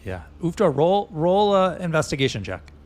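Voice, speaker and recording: A man narrating as dungeon master in a loose, halting way with many fillers. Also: fairly high pitch, big pitch swings, a little mellow. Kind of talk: narrating a tabletop game.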